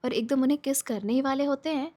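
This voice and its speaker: Woman narrating a lively drama recap. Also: high-pitched, quick pace. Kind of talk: casual storytelling recap.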